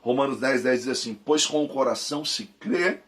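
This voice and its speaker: A man's voice: mid-range voice, normal speed. A man in his thirties with a Brazilian Portuguese accent teaching a Bible course, fervent and repeating phrases for emphasis. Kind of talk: preaching Bible lesson.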